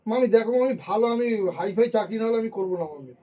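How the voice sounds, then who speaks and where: A man's voice: high-pitched, lively intonation, racing, recorded from a distance, dull audio. A man playing a young adult son in a family drama, worried and whiny. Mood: stubborn.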